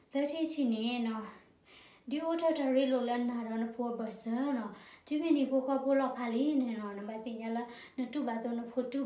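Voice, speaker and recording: Mellow-voiced woman, distant and echoey. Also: fairly high pitch. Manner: halting, with frequent fillers and tag questions. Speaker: speaker giving a community talk. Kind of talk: informal educational talk. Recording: echoey room, voice distant from mic.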